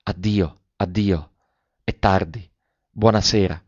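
A man reading aloud and voicing a shy, innocent young girl who speaks softly and timidly, in a dull and slightly muffled recording. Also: sits low, steady tone, slow pace, slightly rough, no room sound, full character voice. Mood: hurried. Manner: soft, hushed, timid.

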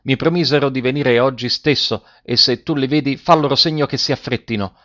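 A man's voice: mid-range voice, fairly quick, a bit bright, dry recording, natural voice. A man voicing a frightened young wife who pleads tearfully for her life. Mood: pleading. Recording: dry, slightly muffled recording.

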